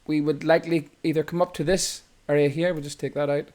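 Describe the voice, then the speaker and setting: A man's voice: fairly high pitch, level tone, quick pace, a little mellow. A man with an Irish accent, walking through a chart tutorial as a trading instructor in a loose, explanatory way, often correcting himself mid-sentence. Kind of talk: screen-recorded chart tutorial.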